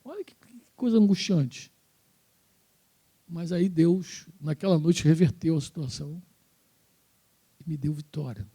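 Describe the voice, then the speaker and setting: A man with a Brazilian Portuguese accent preaching a sermon in a church, telling his story in an animated, slangy, informal way. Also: fairly high pitch, measured pace, long pauses, husky. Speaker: pastor.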